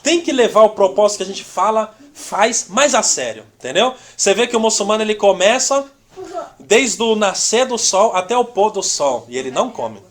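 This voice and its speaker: Man, high voice, lively pitch swings, casual church teaching, keeps asking "né?". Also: moderate pace. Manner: conversational, constantly adds "né?" tags; acts out little quoted dialogues. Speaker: discipleship teacher.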